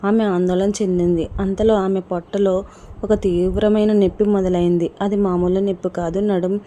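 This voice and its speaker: A woman's voice: medium pitch, little pitch movement, moderate pace, warm tone. A woman narrating a dramatic story in scripted storytelling style.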